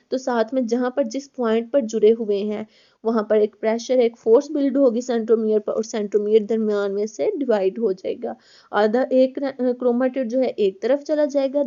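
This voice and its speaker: A woman's voice: on the high side, warm tone, highs cut off. A woman, a college biology lecturer, explains step by step in a recorded class, repeating words and calling her students children.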